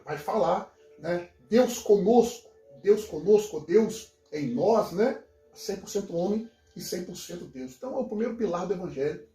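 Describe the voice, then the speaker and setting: A man talks through biblical Greek like a teacher, with rising emphasis when he hits a point he finds striking. His voice sits high and dark, and he is picked up from a distance in a roomy, echoing space. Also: animated, moderate pace, soft background music. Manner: explanatory, enthusiastic, emphatic. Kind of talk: casual theological conversation. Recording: echoey room, distant from mic.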